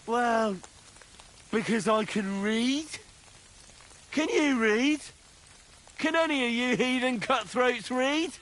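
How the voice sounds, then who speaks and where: A man's voice: very high voice, takes it slowly, pauses often, a bit bright, full character voice. A cocky, boastful young man. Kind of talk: video game cutscene.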